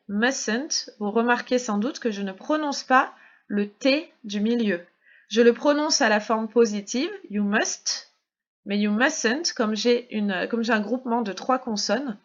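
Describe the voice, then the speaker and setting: A woman with a French accent, an English teacher recording an online lesson, alternating slow drilled English sentences with brisk explanations. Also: mid-range voice, dull audio. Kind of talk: recorded online lesson for middle-school pupils.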